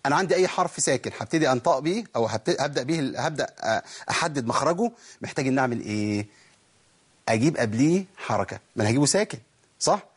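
A man's voice: mid-range voice, expressive, racing, breathy edge. A man with an Egyptian Arabic accent teaching a tajweed lesson, asking and answering his own questions and demonstrating letter sounds. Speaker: Quran recitation teacher.

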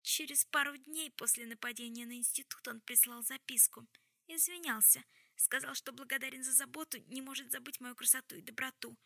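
A woman reading an audiobook, voicing a hysterical young woman who sobs and pleads in a shrill voice. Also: creaky, pushed and bright, dry recording, studio quality, heavily acted. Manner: sobbing, shrill, near screaming.

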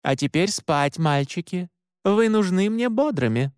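A man voicing a firm middle-aged woman who leads a band of hunters, speaking in brisk, clipped orders. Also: high-pitched, animated, clean tone, dry recording, clean studio sound, pitched above the performer's own voice. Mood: encouraging.

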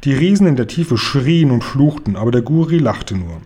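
A man reading a children's book aloud in a calm, even storytelling manner. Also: mid-range voice, moderate pace, husky.

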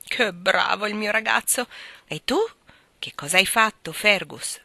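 A woman reading an audiobook, voicing a fond, gentle mother speaking to her children. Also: mid-range voice, a little slow, vocal fry, no room sound, pitched above the performer's own voice, full character voice. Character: warm doting mother knitting by the fire.

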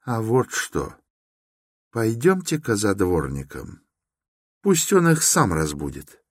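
A man reading an audiobook, voicing an eager, excitable young law student who talks urgently and insistently. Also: on the low side, slow, no echo, clean studio sound, voice pushed up, heavily acted. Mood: excited.

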